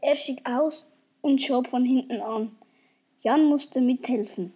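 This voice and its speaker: A woman narrating a homemade radio play in a lively, chatty way, turning to the listeners now and then. Her voice is high and mellow. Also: takes it slowly, slightly rough.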